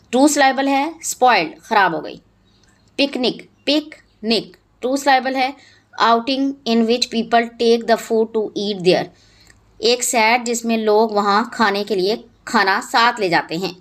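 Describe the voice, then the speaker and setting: A woman teaching a textbook lesson, reading English sentences slowly and spelling out words letter by letter, then explaining quickly in Urdu. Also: medium pitch.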